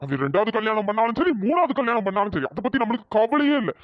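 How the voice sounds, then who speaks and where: A voice actor playing a calm, firm middle-aged father in a cartoon story. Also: mid-range voice, quick pace, no echo, dull audio, close to an everyday voice. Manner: soothing, firm.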